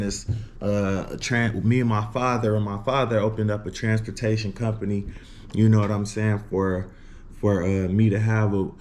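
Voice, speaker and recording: A man's voice: on the low side, darkish tone, a little hiss or hum. An American man from Illinois talking casually and slangily to vlog viewers, slightly lispy from wearing a retainer. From Illinois, United States. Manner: slangy, punctuates phrases with repeated filler tags. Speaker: vlogger.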